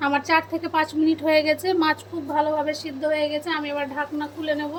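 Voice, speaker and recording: A woman narrating a cooking video step by step, calmly addressing viewers as friends. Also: high voice, fast talker, slight background noise. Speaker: cooking channel host.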